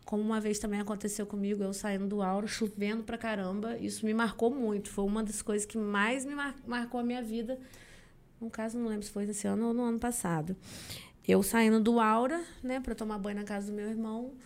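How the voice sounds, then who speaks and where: A young woman from Brazil, a singer guesting on a podcast, telling a story in a casual, animated way and acting out the voices of the people she quotes. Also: mid-range voice, fairly quick.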